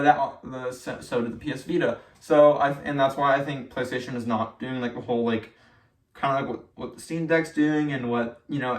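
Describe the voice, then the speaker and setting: A man co-hosting a weekly news roundup, chatting casually and reading articles aloud, with lots of fillers and restarts. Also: mid-range voice. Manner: rambling with many fillers and restarts. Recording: echoey room, mic at a distance.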